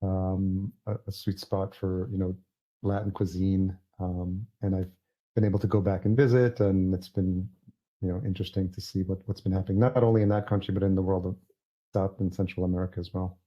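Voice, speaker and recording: A man's voice: low voice, level tone, fairly quick. A male podcast host talking casually and hesitantly, with plenty of fillers. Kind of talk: casual interview chat. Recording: dull lo-fi audio.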